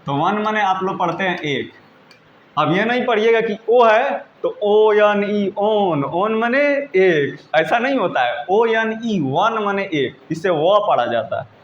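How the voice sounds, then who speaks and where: A man with a fairly high voice teaches patiently, repeating points and checking that his students understand. He spells words out slowly, one letter at a time. The room sounds echoey, with a faint hiss over a slightly dull recording. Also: expressive. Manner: patient, repetitive, asks "understood?" often. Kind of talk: classroom-style lesson in Hindi.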